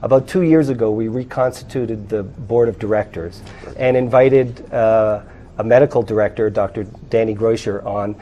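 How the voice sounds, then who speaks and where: Earnest guy explaining his charity, warm low-key tone, bit of background hiss. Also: normal speed, lo-fi sound. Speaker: foundation board member.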